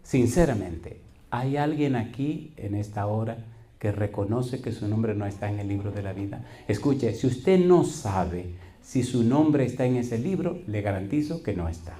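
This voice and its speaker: A middle-aged pastor preaches at a measured pace, his fairly low, warm voice rising and falling with lively intonation. He asks the congregation call-and-response questions and tells folksy stories using quoted voices.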